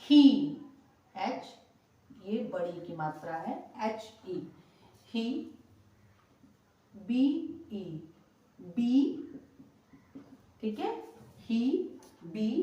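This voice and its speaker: Patient woman teaching slowly in an echoey room. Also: medium pitch, a little mellow, recorded from a distance, muffled recording. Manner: patient, spells words letter by letter and repeats them. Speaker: English pronunciation teacher. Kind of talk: slow spoken lesson.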